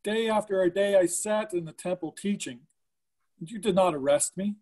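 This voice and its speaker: A man's voice: high-pitched, normal speed, darkish tone. A man reading scripture aloud as part of a church dramatic reading.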